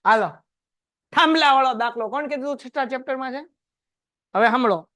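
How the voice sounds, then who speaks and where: A male teacher lectures a class on math in a chatty, quizzing way. His voice sits notably high for a man. The sound is dry and close, with little room echo. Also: a little fast, sharp tone. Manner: chatty, quizzes students and tells anecdotes. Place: classroom with students.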